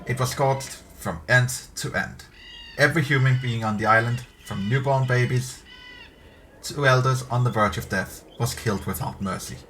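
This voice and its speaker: A middle-aged man at a streaming desk in an indoor room reads a story aloud dramatically in a narrator's style, now and then stumbling over words. His mid-range voice is fairly bright and moderately paced, with clear background ambience noise.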